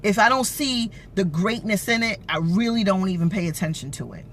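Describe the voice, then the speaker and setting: A woman's voice: expressive, brisk, a bit bright. A woman giving an informal motivational talk to live viewers, emphatic and repeating phrases for effect. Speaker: motivational livestream host. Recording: noisy livestream with low rumble.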